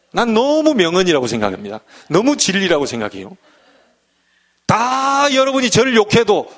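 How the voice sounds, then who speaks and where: A middle-aged man preaching a sermon as a pastor, animated and acting out the voices he quotes. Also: high voice.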